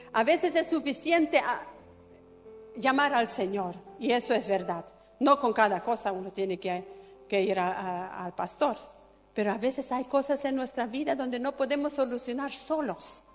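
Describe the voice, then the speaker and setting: A middle-aged woman delivers a sermon in a high, bright voice. She is impassioned, moving from loud, urgent appeals to quiet, confiding asides. The recording carries a long church reverb with faint music underneath. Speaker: preacher. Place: church sanctuary.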